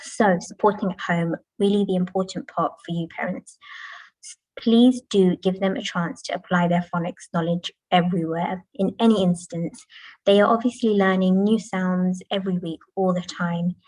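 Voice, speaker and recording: Addressing parents indoors at school, a teacher patiently explains and models the chants used in class. Her fairly low voice is steady and darkish, moving at normal speed, and the rough recording has no room sound.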